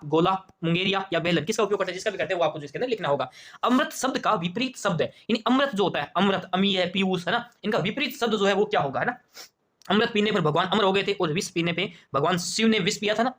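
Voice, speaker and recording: A man's voice: high-pitched, fairly bright tone. A man with a Rajasthani Hindi accent walking through an exam paper as a teacher, asking questions aloud and repeating them. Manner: quizzing, repeats questions and answers to himself. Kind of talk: exam paper walkthrough lesson.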